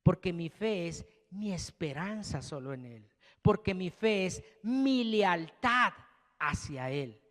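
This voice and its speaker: Preacher guy with a high-ish voice, big hall echo, asks the crowd questions and punches words up then drops low. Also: expressive, slow pace, a bit bright. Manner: rhetorical questions, emphatic rises and drops. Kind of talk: sermon.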